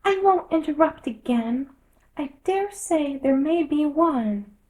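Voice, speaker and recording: A woman's voice: sits high, expressive, takes it slowly, a little mellow, pitched above the performer's own voice. A woman voicing a polite, earnest, curious young girl who is easily offended, in a storybook reading. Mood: pleading. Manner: earnest, questioning.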